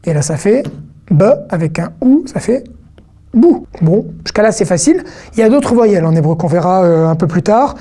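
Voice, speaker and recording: A woman giving an online Hebrew reading lesson, patient and encouraging, spelling out syllables slowly for beginners. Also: medium pitch, warm tone. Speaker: Hebrew teacher.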